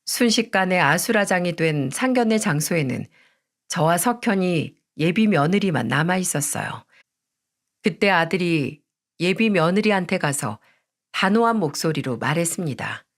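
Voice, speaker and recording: Woman narrating a family story calmly. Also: on the low side, moderate pace. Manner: calm, recounting.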